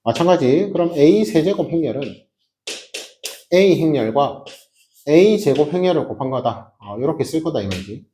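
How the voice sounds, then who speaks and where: A man's voice: fairly high pitch, animated, moderate pace, mellow, a little hiss or hum. A man teaching a math class, explaining step by step with emphatic rhetorical questions to his students. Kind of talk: classroom lecture.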